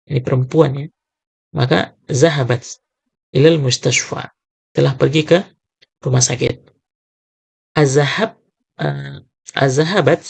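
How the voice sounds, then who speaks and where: A man explaining a lesson as a teacher, reading sentences slowly, then translating them and checking with the listener. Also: on the high side, creaky, husky, no echo. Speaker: Arabic teacher.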